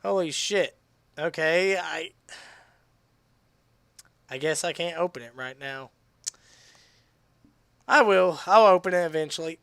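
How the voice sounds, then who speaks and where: A man chatting casually on a game live stream, rambling with restarts and fillers, his voice tiring and going hoarse. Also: on the high side, takes it slowly, pauses often, a bit bright, no echo. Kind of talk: casual live-stream chat while gaming.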